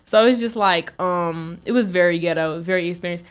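A young woman, co-hosting a podcast, telling a story in an animated, profane way and laughing often. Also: lowish voice, brisk, clean tone. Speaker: podcast co-host. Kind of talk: casual storytelling chat.

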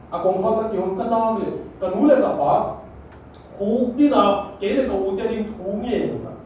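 A man's voice: high voice, slight background noise. A man preaching a sermon in a church hall, drawing responses from the congregation. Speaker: pastor. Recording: echoey hall, distant mic, dull sound.

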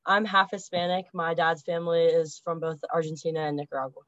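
A woman's voice: low-pitched, level tone, a little fast, a bit bright, dry recording. A young college woman talking casually and tentatively, hedging her words. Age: young adult. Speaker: student athlete. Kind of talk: casual discussion. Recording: dull dry lo-fi sound.

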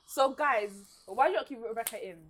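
Young girl on a podcast, fast and swingy, swearing and cracking up, friends talking over her. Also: a little high, over a noisy crowd, rough recording. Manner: laughs a lot, swears freely, blunt. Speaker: podcast co-host. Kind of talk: casual group chat. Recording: cross-talk from other hosts. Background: others talking over her.

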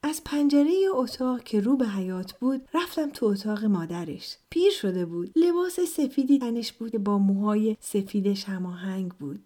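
A woman from Iran, calmly narrating her own memoir in the first person. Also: medium pitch, hardly any pauses.

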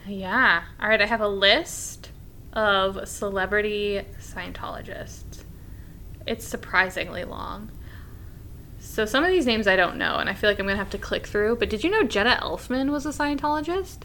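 A woman co-hosting a podcast, a teacher chatting casually, animated and laughing often as she acts out what she said. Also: mid-range voice, normal speed, slight background noise. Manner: animated, laughs often, acts out her own past remarks. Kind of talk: casual chat.

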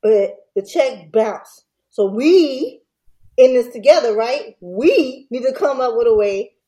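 A woman voicing a panicked, boastful male hustler, rambling loudly while retelling a story. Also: on the high side, animated, slow pace. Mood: frantic.

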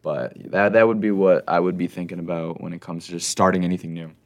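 Deep-voiced young man with creaky voice, in a garage. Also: steady tone, quick pace. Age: young adult. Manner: bro-ish, informal. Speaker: podcast co-host. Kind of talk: casual podcast chat.

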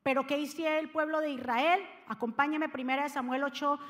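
A woman pastor giving an impassioned sermon, swinging between loud exhortation and quiet asides. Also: sits high, steady tone, fairly quick, long reverb tail. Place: church sanctuary.

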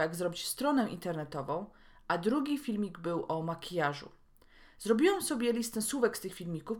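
A woman from Poland with a somewhat low voice teaches pronunciation in a scripted podcast lesson. She speaks clearly and deliberately and slows right down to model each word.

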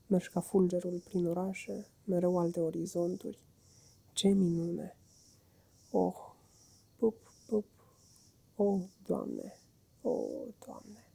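A woman's voice: lowish voice, vocal fry, dark tone. A woman voicing a dreamy male toad obsessed with motorcars, murmuring in a rapt, entranced way for a storybook reading.

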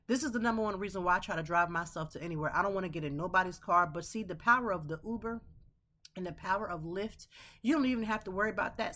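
A woman in her thirties hosts a podcast, delivering a casual motivational monologue in a bright, pushed, mid-range voice. She's emphatic and preachy, peppering her talk with slang.

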